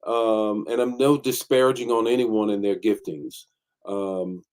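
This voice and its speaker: A man's voice: on the low side, fairly even intonation, unhurried, darkish tone. A man hosting an online morning teaching as bishop, greeting viewers by name and talking with many fillers.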